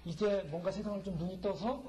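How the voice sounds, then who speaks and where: A man's voice: high-pitched, steady tone, brisk, dark tone, a little hiss or hum, rough recording. A male pastor preaching a sermon, delivering it emphatically and firing rhetorical questions at the congregation.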